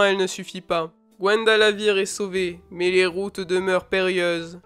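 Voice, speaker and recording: A woman voicing a stern, fatherly older lord with a beard, speaking in a grave, measured way. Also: mid-range voice, clean tone, pitched below the performer's own voice, close to an everyday voice.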